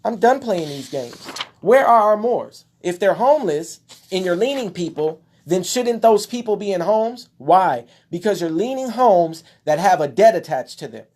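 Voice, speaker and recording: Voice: mid-range voice, animated, normal speed, darkish tone. Impassioned monologue voice, emphatic and preachy, a little winded. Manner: preachy, emphatic, exclaims at times. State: out of breath. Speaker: speaker addressing followers. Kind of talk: impassioned monologue showing documents.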